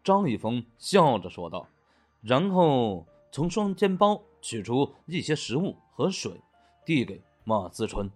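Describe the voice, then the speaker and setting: A man narrating a web novel as an audiobook, in a playful, animated storytelling manner, with faint music underneath. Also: medium pitch, a little slow.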